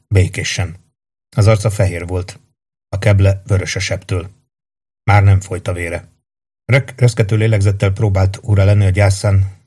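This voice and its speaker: A man narrating an audiobook in a measured, dramatic reading voice. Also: low voice, a little mellow.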